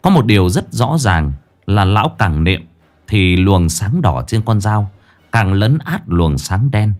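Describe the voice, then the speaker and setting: A man narrating a ghost story with an expressive, dramatic reading. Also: fairly low pitch, measured pace.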